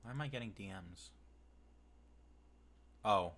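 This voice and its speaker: A man's voice: on the low side, slow, fairly bright tone, a little hiss or hum. A man playing in an online tabletop game, chatting casually, laughing often and restarting his sentences.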